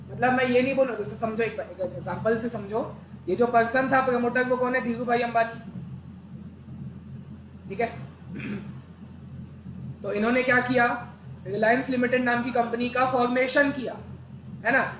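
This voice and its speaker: A man's voice: very high-pitched, fairly bright tone. A man teaching an accountancy class, talking conversationally, quizzing students and repeating key terms. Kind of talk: classroom lecture. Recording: echoey room with background noise.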